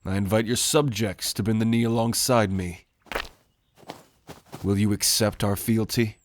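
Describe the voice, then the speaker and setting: Man acting a low-voiced, solemn loyal prince. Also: fairly even intonation, slight background noise, lightly acted. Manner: formal, measured, courtly. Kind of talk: audio roleplay acting.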